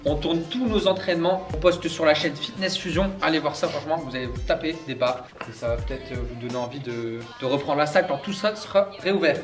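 A man's voice: fairly high pitch, fast, hardly any pauses. Playful young man presenting in a roomy gym. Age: young adult. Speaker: co-host of a fitness challenge ranking. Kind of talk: casual joking presentation to camera. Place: indoor gym, camera a few metres away. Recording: roomy echo, music behind.

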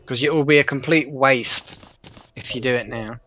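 A man's voice: medium pitch, moderate pace, sharp tone, slight background noise. A man chatting casually while playing a co-op game, exasperated and self-mocking. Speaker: gaming commentator. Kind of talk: casual gaming chat.

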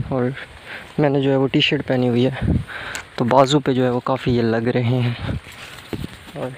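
A man in his twenties with a mid-range voice walks among sugarcane fields and dirt paths, casually explaining what he's doing in a walking vlog and mixing English words into his talk. He films himself on a phone held at arm's length, and the outdoor audio carries clear background noise.

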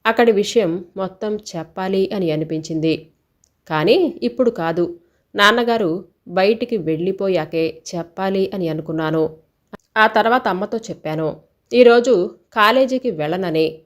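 A woman reading a scripted first-person story in a steady, even storytelling delivery. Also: mid-range voice, normal speed.

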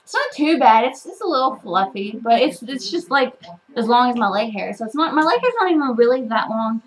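A woman's voice: a little high, expressive, a little fast, slight background noise, rough recording. A young woman chatting casually in a home vlog, rambling with lots of "like" and swearing freely. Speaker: vlogger. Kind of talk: casual chat.

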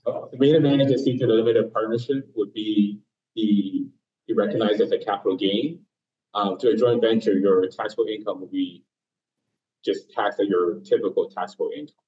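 Low-voiced male webinar panelist, hesitant, on a dull underwater-sounding remote mic. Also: steady tone, a little fast, dark tone, distant mic. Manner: hesitant, full of "um" and "you know". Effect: muffled, underwater-sounding remote mic. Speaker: investment panelist. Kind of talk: webinar explanation. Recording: muffled lo-fi call audio, off-mic.

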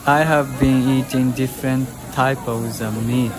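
A young man vlogging in a restaurant, explaining the dishes in slow, simple, short sentences. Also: mid-range voice, fairly even intonation, poor audio. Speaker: food vlogger. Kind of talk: narrating a restaurant meal. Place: yakiniku restaurant, indoors.

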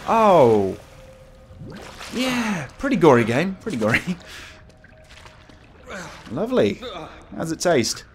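A man's voice: on the high side, very animated, takes it slowly, long pauses, noisy background. A man giving casual let's play commentary as a scared, jumpy horror game streamer who exclaims and swears. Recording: music behind the voice.

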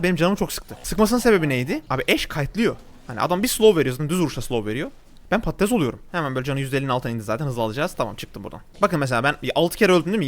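A man's voice: a little high, fairly bright tone. A young man speaking with a Turkish accent, giving chatty live gameplay commentary as a gaming YouTuber, exclaiming at the game and his viewers. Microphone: desk mic at a gaming setup.

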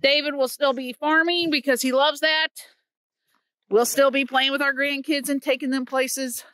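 A fifty-something woman from Missouri films a casual vlog on her phone, held at arm's length, while walking winter woods along a creek and telling stories earnestly. She talks at a moderate pace in a high, fairly bright voice with fairly even intonation, on a dry recording.

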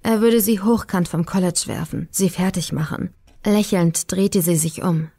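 A woman narrating a horror audiobook in a measured, ominous manner. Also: on the low side, gravelly, dark tone, slightly rough. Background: faint eerie music.

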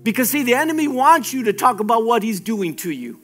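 A man preaching in a very high, bright, forceful voice, exhorting his listeners and repeating phrases for emphasis. Soft music plays faintly behind him. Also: big pitch swings, fairly quick. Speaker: pastor. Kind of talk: sermon.

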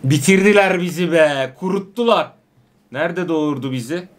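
A man hosting a gaming channel, giving excitable let's-play commentary with loud exclamations and repeated words, playfully scolding the enemies. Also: fairly high pitch, normal speed.

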